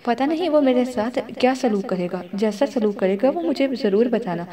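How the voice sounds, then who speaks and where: A woman's voice: on the high side, animated, dark tone, natural voice. A woman voicing a proud young wife in an audio novel, speaking in short, guarded lines. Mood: teasing. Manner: cold, clipped replies.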